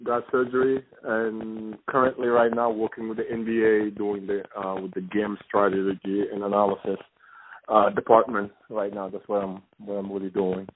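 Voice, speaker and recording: A young man from Senegal, a former basketball player, talking as a phone-in guest in a halting way with frequent restarts. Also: fairly low pitch, little pitch movement. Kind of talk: casual phone interview. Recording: tinny phone line with faint hiss.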